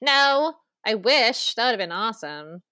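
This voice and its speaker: A woman co-hosting a podcast in casual chat, animated and ranting, with quick asides and laughs. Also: on the high side, dry recording, studio quality. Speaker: podcast co-host.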